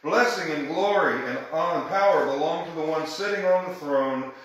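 A man's voice: a little high, normal speed, very echoey, low-quality recording. A man leading a Bible study in a church room, teaching conversationally and emphatically and often checking in with his group.

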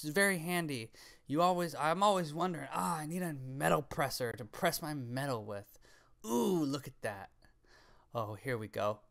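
A man in his twenties makes reaction videos, riffing casually and off the cuff into a close studio mic on an arm while wearing a headset. His medium, slightly bright voice is smooth, and his commentary is full of slang, swearing and playful sarcasm.

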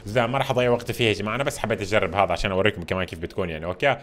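A man giving casual, excitable commentary while playing a video game, talking to his viewers all the time. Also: lowish voice, very fast, a little hiss or hum. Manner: excitable, chatty, addresses viewers constantly.

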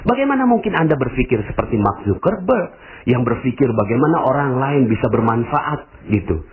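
A man preaching a motivational religious talk, animated, acting out quoted voices and addressing his listeners directly. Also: fairly quick, crowd noise. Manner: animated, acts out quoted voices with big pitch jumps; addresses audience as Bapak Ibu. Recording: tinny phone-like audio message.

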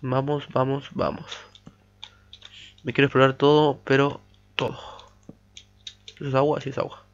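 A man's voice: medium pitch, little pitch movement, moderate pace, pauses often. A man giving chatty let's play commentary while mining, humming "pa pa pa" to himself. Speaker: gamer. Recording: dull lo-fi mic audio.

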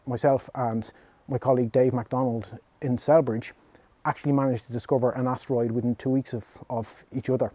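Mellow Dublin man, dry close sound. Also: mid-range voice, no room sound. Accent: Dublin Irish. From Ireland. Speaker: amateur astronomer. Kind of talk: documentary interview, explaining. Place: open-roofed backyard shed observatory. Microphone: lapel mic.

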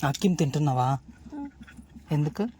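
A young woman talking gently to her small child in a casual home video, coaxing and repeating herself. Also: deep voice, moderate pace, low-quality recording. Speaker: mother talking to her toddler. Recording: outdoor street noise with traffic.

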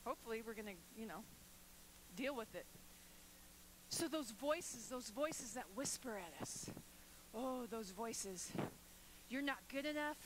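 A woman pastor preaching a sermon, emphatic and rising to forceful declarations. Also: fairly high pitch, expressive, measured pace, pauses often, noisy background.

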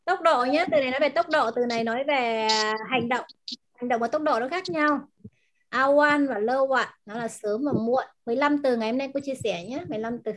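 A woman teacher in an online class, patiently explaining words and pronunciation and repeating them slowly over a video call. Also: high-pitched. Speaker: language teacher.

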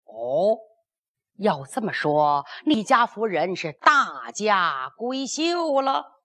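A woman storyteller voicing a guarded, courteous male commander, gravelly and dramatic. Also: medium pitch, big pitch swings, slow, pushed and bright, full character voice. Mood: courteous, probing. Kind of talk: storytelling character dialogue.

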